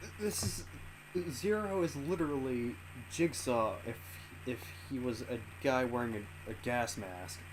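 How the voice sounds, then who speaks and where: A man's voice: medium pitch, a little slow, few pauses. A man reading a story aloud as a streamer, stumbling over words and correcting himself between casual asides. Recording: clearly noisy home stream recording.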